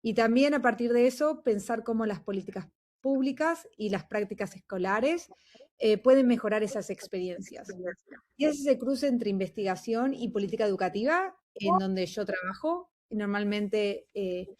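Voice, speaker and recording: A woman's voice: medium pitch, moderate pace, darkish tone. A woman from Argentina, a doctoral researcher speaking as a panel guest, explaining her work earnestly with some fillers. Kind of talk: panel talk.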